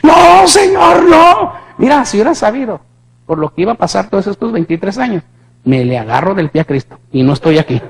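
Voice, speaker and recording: Impassioned preacher man, higher voice. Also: animated, quick pace, vocal fry, husky. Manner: impassioned, swings from hushed to shouting; addresses the congregation with questions. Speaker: preacher giving a testimony. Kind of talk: sermon testimony.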